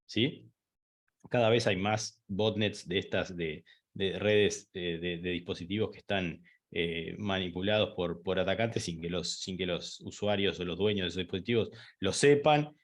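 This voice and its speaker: Man, low-pitched instructor, explains patiently with restarts and "¿sí?" checks. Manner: explanatory, many fillers and restarts, frequent "¿sí?" checks. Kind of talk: online training lecture.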